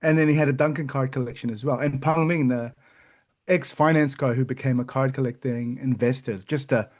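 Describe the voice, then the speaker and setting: A man co-hosting a card collecting podcast, telling stories in an enthusiastic, animated way. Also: mid-range voice, fairly quick. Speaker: podcast co-host. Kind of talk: casual chat.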